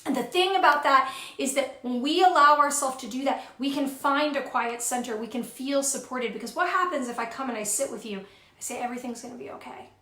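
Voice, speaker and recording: A woman's voice: high-pitched, fairly quick, hardly any pauses, sharp tone. A woman co-hosting a motivational pep talk, encouraging and stacking up repeated phrases for emphasis. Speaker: co-host. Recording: roomy echoey sound.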